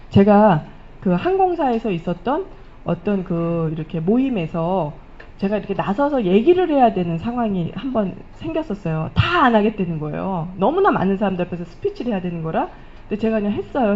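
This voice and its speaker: A middle-aged woman giving a motivational stage testimony, telling stories animatedly and acting out the remarks she quotes. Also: mid-range voice. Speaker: speaker at a business recognition event. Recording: dull lo-fi event recording.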